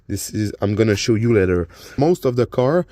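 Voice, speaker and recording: Speaking English with a French accent, this DIY car repair vlogger talks through a hands-on fix from his garage and beneath the car, recording on his phone as he works. He explains each step casually but stops often, with "uh" and repeated words. His voice sits on the low side and sounds mellow, with lively intonation and no echo.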